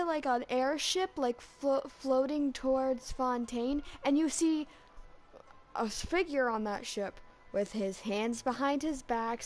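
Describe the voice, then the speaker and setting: A woman chatting casually as a fan vlogger, rambling and excitable with lots of restarts, her voice cracking slightly from being sick. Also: high voice. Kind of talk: casual chat.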